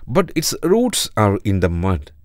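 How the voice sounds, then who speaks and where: A man's voice: fairly low pitch, wildly swooping pitch, a little slow, dry recording, studio quality. A man voicing a dignified tulsi plant, self-assured and boastful. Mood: proud.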